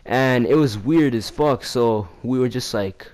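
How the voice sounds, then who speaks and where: A young man in a casual vlog telling a story in slangy, profane, rambling talk. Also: measured pace. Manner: acts out quoted lines in a louder, higher voice. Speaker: vlogger.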